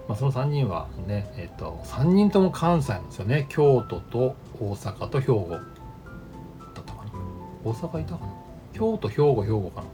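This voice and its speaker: A man's voice: mid-range voice, creaky, mellow. A man in his fifties chatting casually and at length as host, rambling and often laughing at himself. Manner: rambling, laughs often, self-deprecating asides. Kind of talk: casual solo chat.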